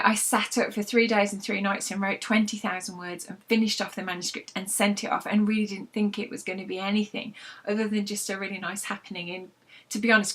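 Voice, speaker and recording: Her mid-range voice, slightly bright, carries a casual, anecdotal chat with followers. The speaker is a British woman, a novelist running a read-along vlog, who reads from a book and pokes fun at herself.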